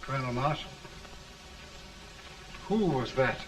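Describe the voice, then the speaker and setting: An actor playing a tired, merciful general who speaks quietly and politely, heard as early talkie film sound. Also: male voice, animated, takes it slowly, noisy background. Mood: weary. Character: weary, merciful older male general. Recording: distant mic, rumbly early film soundtrack.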